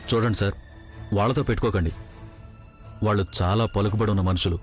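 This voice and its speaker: A man's voice: on the low side, steady tone, fast, close to an everyday voice. A man playing an anxious, respectful police constable who pleads with his superior, in a TV serial with background music. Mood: pleading.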